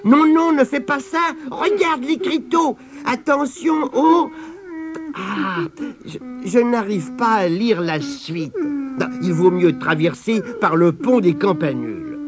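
A man voicing a small female magic spider who is excitable and quick to cry out, in a storybook reading. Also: high voice, full character voice. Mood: urgent.

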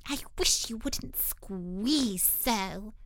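A woman's voice: mid-range voice, expressive, a bit bright, no echo, exaggerated voice. Woman doing a sulky, drawling dormouse. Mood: grumpy. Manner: very slow, grumbling drawl. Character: sulky, sleepy male dormouse.

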